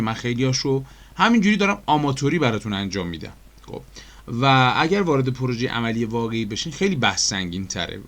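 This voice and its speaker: This is a chatty animation tutorial captured by screen recording, led by a man with an Iranian Persian accent and a mid-range, slightly bright voice. He explains step by step, uses many fillers, poses questions to viewers, and calls them dear friends.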